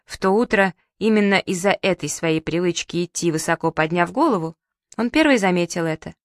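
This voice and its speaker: A woman reading a children's story aloud in a calm, even storytelling manner. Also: on the low side, fairly quick, no room sound, clean studio sound. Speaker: narrator.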